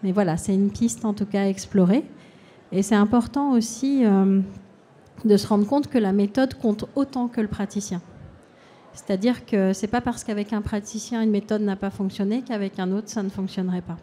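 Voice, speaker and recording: Calm, warm-voiced French woman hypnotherapist. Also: medium pitch, normal speed, a little hiss or hum. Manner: calm, explanatory. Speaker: hypnotherapist giving a talk. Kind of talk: public talk with audience questions.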